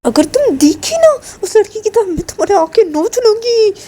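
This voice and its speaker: A woman voicing a jealous young woman who scolds and threatens her girlfriend loudly, in a storybook telling. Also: very high voice, sing-song, moderate pace, pitched above the performer's own voice. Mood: angry.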